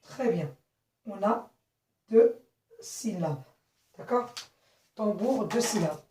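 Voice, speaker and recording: A woman teaching young children a phonics lesson, speaking slowly and clearly, repeating and spelling out words and often checking they follow. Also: mid-range voice, expressive, dark tone. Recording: echoey room, voice from a distance.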